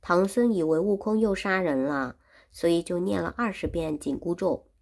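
A woman's voice: fairly low pitch, moderate pace, darkish tone. A woman teaching Chinese who retells a classic story in simple words and repeats and explains each phrase. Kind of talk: storytelling lesson.

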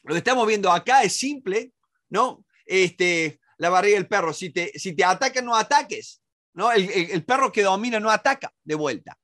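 A man's voice: high voice, animated, normal speed, a bit bright. A middle-aged man gives a spoken lesson on negotiation, talking conversationally with many rhetorical questions and restarts. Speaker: negotiation expert and instructor.

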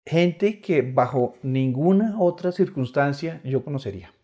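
A man's voice: a little high, lively intonation, unhurried, mellow. Chatty middle-aged Colombian man. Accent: Colombian Spanish. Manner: chatty, stammering restarts, laughs often. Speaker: comedian guest. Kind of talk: casual podcast chat.

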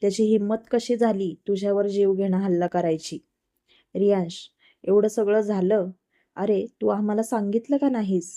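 A woman's voice: medium pitch, steady tone, normal speed, warm tone, close to an everyday voice. A woman reading the lines of a stern, worried middle-aged father in a storybook tale. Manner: stern, scolding.

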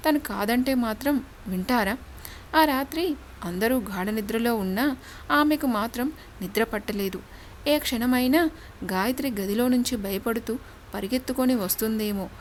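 A woman storyteller reads a dramatic story aloud in a steady, expressive manner. Her voice sits fairly high, and a faint hiss runs beneath it. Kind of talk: scripted story narration.

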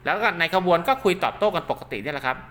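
This man makes radio link cables and gives an informal, hands-on demonstration of his product, repeating himself and sprinkling in frequent polite tags. His voice is fairly high and a bit bright, delivered rapid-fire with lively intonation. The background noise in the recording is clear.

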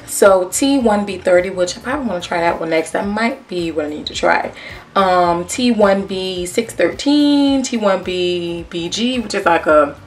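A woman's voice: fairly low pitch, expressive, moderate pace, distant mic, a little hiss or hum. A woman vlogger, chatting casually to viewers through a wig tutorial, with peppermint in her mouth. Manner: chatty, addresses viewers as y'all. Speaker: beauty vlogger.

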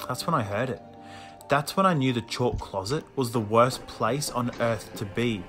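A man reading a children's horror story aloud in a measured, suspenseful first-person narration, with music underneath. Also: mid-range voice. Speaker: audiobook reader.

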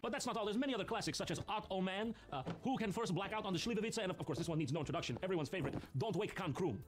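Man, 30s, comedic commentary host, sarcastic, rapid-fire, animated pitch. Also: background noise. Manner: sarcastic, mocking asides. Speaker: host reacting to video clips. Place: studio room with couch and brick wall.

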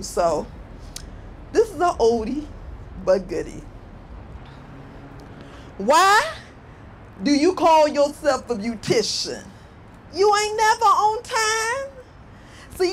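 A woman's voice: high-pitched, a little hiss or hum, low-quality recording. A middle-aged woman from Chicago performing spoken word poetry with a sassy, rhythmic, scolding delivery at a stand mic on a city rooftop.

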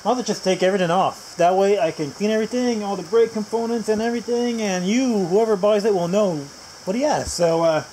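The host's voice is high-pitched and fairly quick as he works on a vehicle at home for a casual video, rambling with lots of fillers and self-deprecating dry humor. Audio quality is poor, with slight background noise and loudly chirping crickets and insects.

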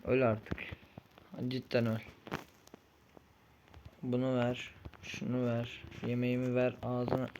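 A man's voice: mid-range voice, monotone, slow pace, long pauses, noisy background. Frustrated young man narrating his game. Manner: frustrated, pleading, swings from muttering to yelling. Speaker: gaming streamer. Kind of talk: Minecraft-style game commentary.

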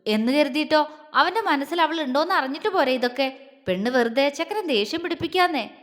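A woman's voice: high voice, expressive, fairly quick. A woman voicing a teasing, affectionate young man in a storybook reading, with a playful way of talking. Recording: long echoey reverb.

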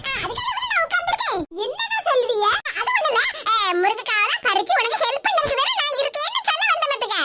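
A woman's voice: extremely high pitch, big pitch swings, fast talker, hardly any pauses. A woman voicing a scheming, sweet-talking village neighbor in a cartoon, with a Tirunelveli Tamil accent, muttering sly asides. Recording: loud background noise.

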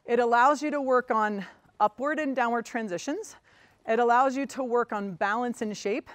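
A fairly high-voiced woman gives a riding lesson as she lunges a horse in a ring. She speaks calmly and encouragingly, breaking off often to praise the horse. Her voice is close and dry. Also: normal speed, no echo. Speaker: riding instructor. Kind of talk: demonstration lesson while lunging a horse.

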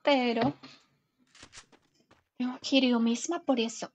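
Una mujer joven que transmite en directo un juego, charlando de forma juguetona y leyendo en voz alta los nombres de su chat. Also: female voice, sits high, slow pace, dull audio. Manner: chatty, playful, greets viewers and reads chat names aloud. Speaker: gaming live streamer. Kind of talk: casual live stream chat.

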